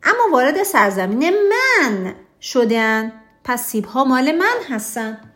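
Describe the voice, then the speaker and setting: Woman reading a fussy, stubborn storybook king: raised, insistent, high and lively, in an echoey room. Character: proud stubborn storybook king, grown man. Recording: roomy echo.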